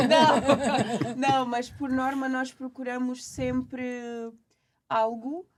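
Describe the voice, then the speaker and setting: Uma jovem mulher de voz um pouco aguda explica suas ideias com calma e firmeza. Tom de conversa de podcast, sem pressa. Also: female voice, sits high, slow, a loud crowd. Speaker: podcast guest, daughter.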